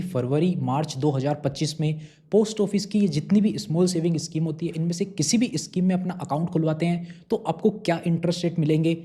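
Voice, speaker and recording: A man's voice: on the high side, mellow. A young adult man hosting a finance explainer, going step by step and asking and answering his own questions. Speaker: finance YouTuber explaining savings schemes. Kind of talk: explainer talk to camera.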